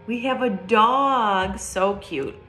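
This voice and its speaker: Woman, preschool teacher, slow unhurried reading, sing-song, asks children questions. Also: medium pitch, fairly bright tone, faint music behind. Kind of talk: reading a picture book aloud to young children.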